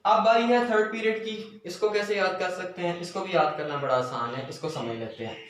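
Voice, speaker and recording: A man teaching a lesson. He repeats memory phrases slowly and drills them. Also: high voice. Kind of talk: classroom lesson with memory tricks. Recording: very echoey room, voice from a distance, faint noise.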